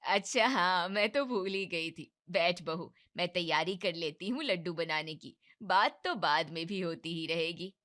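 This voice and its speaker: A woman's voice: on the low side, a little slow, hardly any pauses, fairly bright tone. A woman voicing a bossy but caring older mother-in-law in a cartoon family drama, scolding and commanding.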